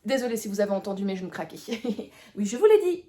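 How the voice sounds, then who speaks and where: A woman's voice: mid-range voice, big pitch swings, fast talker, dark tone. A woman in her thirties chatting casually about books on her vlog, with frequent hesitations and self-deprecating laughs. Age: 30s. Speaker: book vlogger. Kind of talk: casual book review chat.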